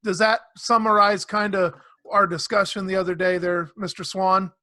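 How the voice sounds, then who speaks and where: A man hosting a casual online panel discussion, animated and quick to laugh, acting out quotes in playful voices. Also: high-pitched, dry recording. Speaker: panel host.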